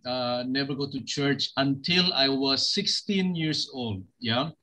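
A man's voice: medium pitch, slow pace, pushed and bright, rough recording. A man from Sabah, East Malaysia, sharing his testimony as a pastor over a video call, hesitant and full of fillers. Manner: hesitant, many fillers, switches between English and Malay. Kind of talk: testimony sermon with scripture reading.

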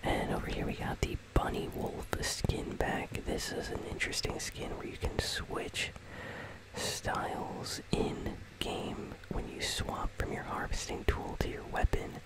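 In a continuous breathy whisper with no voiced tone, a gaming host gives ASMR commentary on a game's item shop. He rambles softly and casually at a measured pace, and the recording is rough.

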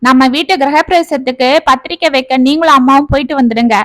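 A woman voicing a young man, a family friend heading off to his office, speaking briskly in a storybook tale. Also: sits high, a bit bright, dry recording, clean studio sound.

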